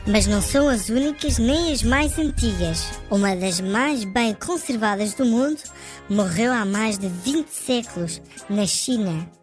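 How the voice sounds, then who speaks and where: A woman voicing a friendly little know-it-all who explains things to children in scripted narration. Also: on the high side. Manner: clear explaining, greets young listeners.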